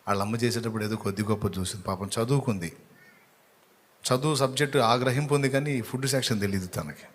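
A man's voice: mid-range voice, quick pace. A man preaching a sermon, telling a story with sympathy for its people. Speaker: pastor.

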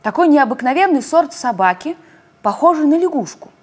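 A woman's voice: sits high, big pitch swings, a little fast, voice pushed up. A woman voicing a playful, curious young hare in a storybook reading.

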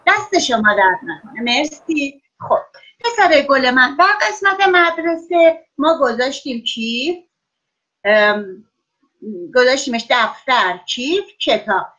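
A woman teaching a class of young children over a video call, praising them often and drawing out words slowly so they can write them down. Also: sits high, animated, sharp tone, muffled recording. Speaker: primary school teacher.

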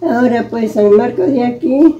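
A woman's voice: a little high, moderate pace, mellow, roomy sound, slight background noise. A frail great-grandmother over a hundred years old with a rural Nicaraguan accent, recounting her life and repeating herself as she goes. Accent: rural Nicaraguan Spanish. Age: over 100, very old. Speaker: interviewee. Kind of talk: recounting life memories in conversation. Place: small brick room at home. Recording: dull lo-fi phone video sound.

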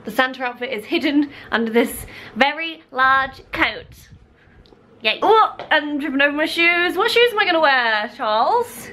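A woman's voice: high-pitched, animated, normal speed, sharp tone. Chatty woman with a stuffy nose. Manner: chatty and bubbly, lots of "like". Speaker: vlogger. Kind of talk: casual vlog chat.

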